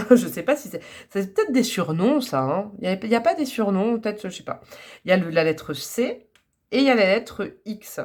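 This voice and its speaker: A woman's voice: medium pitch, big pitch swings, normal speed, darkish tone. A woman giving a casual tarot reading to camera, chatty and rambling, with frequent fillers and small laughs. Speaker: tarot card reader.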